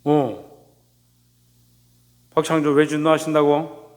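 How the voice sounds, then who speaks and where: A male pastor with a fairly high voice delivers a sermon, firing rhetorical questions at his listeners and calling on them by name. His voice rings out in a church hall with a long reverb tail. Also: flat delivery, takes it slowly. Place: church sanctuary.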